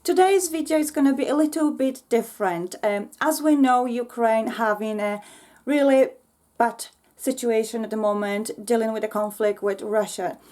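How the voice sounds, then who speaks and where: A woman from Poland with a Polish accent, a slightly croaky voice and an earnest manner, hosting a crafting tutorial. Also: on the high side, moderate pace. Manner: warm, earnest, many fillers. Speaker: craft channel host.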